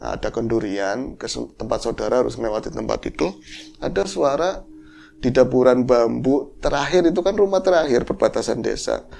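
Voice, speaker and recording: A man's voice: mid-range voice, a little fast, vocal fry, slight background noise. A man, telling a horror story in casual chat and acting out the voices in it. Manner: animated, acts out voices in his story. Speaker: horror podcast host.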